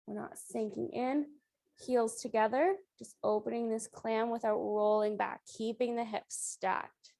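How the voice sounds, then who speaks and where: A woman's voice: a little high, fairly even intonation, unhurried, vocal fry, mellow, no room sound. A woman cueing exercises as an aerobics instructor, giving short, encouraging instructions and counts. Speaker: fitness instructor leading a beginner strength and flexibility class.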